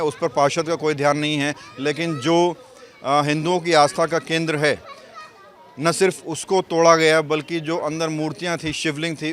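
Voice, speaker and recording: A male field reporter delivering a street news piece on camera. His voice sits a little high but moves very little, keeping an even, level line from phrase to phrase.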